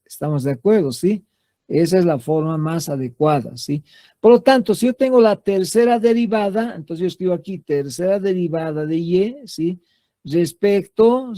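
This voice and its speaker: A man gives a math lecture at a slightly high pitch, his voice soft and mellow rather than bright. He explains patiently, repeats key terms and keeps checking in with his listeners. The sound is dry and close, with no room echo. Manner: patient, repetitive, checks in with frequent "¿sí?". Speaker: math teacher. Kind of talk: classroom lecture.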